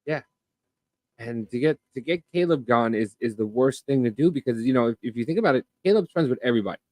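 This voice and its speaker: A man co-hosting a podcast in casual chat, telling stories in a lively, excitable way. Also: medium pitch, quick pace, dry recording. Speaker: podcast co-host.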